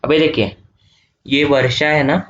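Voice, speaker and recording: Slow-talking male teacher explaining step by step. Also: medium pitch, steady tone, fairly bright tone, muffled recording. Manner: slow, repetitive explaining with frequent checks. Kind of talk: online revision lesson.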